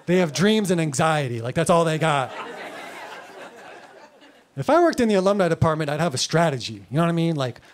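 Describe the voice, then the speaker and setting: A man in his thirties doing a live stand-up routine, loose and rambling, full of filler words. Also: fairly high pitch. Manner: loose, rambling delivery full of "like" and "you know". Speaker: stand-up comedian. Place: comedy club. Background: audience laughter.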